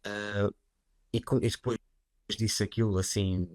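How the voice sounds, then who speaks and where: A man with a fairly low voice and a European Portuguese accent talks about writing, easygoing and a little self-mocking. He rambles comfortably with casual fillers. The sound is dry and close, with no room around it. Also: a little slow, dry recording. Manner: relaxed, chatty, self-deprecating, with many fillers like "pá". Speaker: guest writer and writing teacher. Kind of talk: casual interview conversation.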